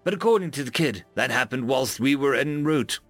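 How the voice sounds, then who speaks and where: A wry, uneasy trooper giving a dry report, as a male narrator puts him on. The voice is lively in pitch with a gravelly edge, read close and dry. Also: a little fast, no room sound, soft background music.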